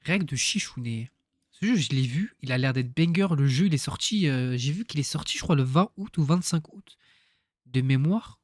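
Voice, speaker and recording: A man making casual, spontaneous streamer commentary in short, halting, slangy remarks. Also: on the high side, expressive, no echo, clean studio sound. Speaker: reaction video streamer.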